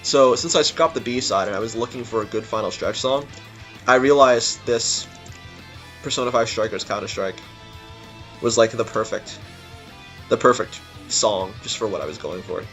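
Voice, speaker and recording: A man with a fairly low, fairly bright voice rambles informally at a moderate pace about a game level he built, in casual, unscripted gameplay commentary. The recording is muffled, and game music plays behind him.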